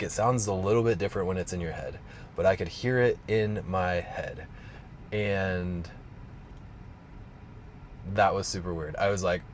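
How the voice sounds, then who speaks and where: A strength coach with a deep, low voice tells a personal story straight to camera, rambling without a script, restarting sentences and saying "like" constantly. His manner is casual, and a faint room hum runs underneath.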